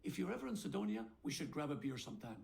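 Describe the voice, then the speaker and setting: An actor playing a rugged, weary space patrolman in a video game, with a wry, gravelly voice. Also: a little high, big pitch swings, racing, a little mellow. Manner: wry, plain-spoken.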